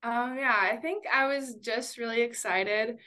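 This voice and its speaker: A woman's voice: fairly high pitch, a little slow, bright, forceful tone. A young woman from Indiana, a new podcast co-host, chatting in an easygoing way with a few fillers. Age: young adult. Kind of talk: casual chat.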